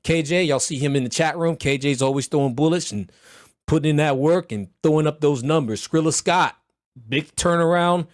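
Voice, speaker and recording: Hoarse from an illness he's still getting over, a man runs a livestreamed trading mentorship at a moderate pace. His slightly high voice is captured in a dry, close recording. Loud, blunt, and full of slang, he pushes his audience like a coach would.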